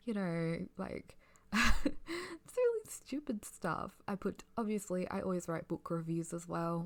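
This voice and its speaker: Soft, creaky, sleepy woman rambling in ASMR. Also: lowish voice. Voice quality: soft, breathy, often near a whisper. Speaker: ASMR creator giving a personal ramble.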